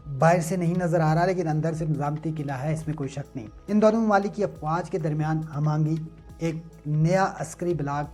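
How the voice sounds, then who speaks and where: An online news commentator delivers political news analysis, emphatic and rhetorical, partly scripted and partly casual asides off the cuff. His voice is a little high with a darkish tone, and music plays behind him.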